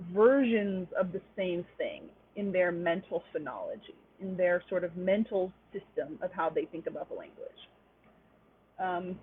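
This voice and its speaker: Through tinny, lo-fi webinar audio, a young woman with a husky, mid-range voice instructs an online class. She walks through the material step by step, frequently filling gaps with "um."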